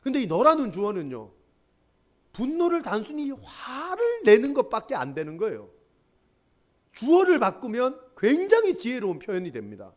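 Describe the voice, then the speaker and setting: A middle-aged male pastor preaching to young adults, with a high voice that leaps up and down across a wide range. He leads call-and-response readings and acts out his own stories. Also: huge pitch swings, moderate pace. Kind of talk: sermon to a young adults group.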